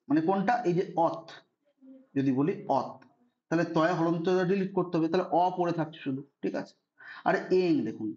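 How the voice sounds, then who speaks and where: A man teaches a Sanskrit grammar lesson online, patiently spelling out rules and repeating "ঠিক আছে" to check that students follow. His voice is a little high and a little mellow, with lo-fi sound.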